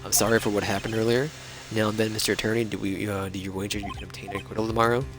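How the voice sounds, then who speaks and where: A man voicing a polite, cold-blooded male assassin in a game, measured and courteous, with low pitch over game music. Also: little pitch movement, lightly acted. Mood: menacing calm. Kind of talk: reading game dialogue aloud.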